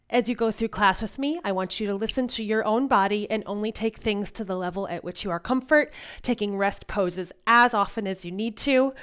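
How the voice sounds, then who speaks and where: On the high side, with a fairly bright and clean tone, a woman yoga teacher getting over a cold leads her class through exercises. She reassures them in a casual way.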